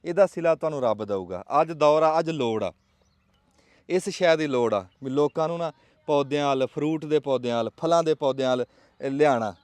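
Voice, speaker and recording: A man with a fairly high, smooth voice talks a little fast, with no echo in the recording. He's a vlog host with a Pakistani Punjabi accent, giving casual outdoor talk in an emphatic, rhetorical, folksy storytelling way.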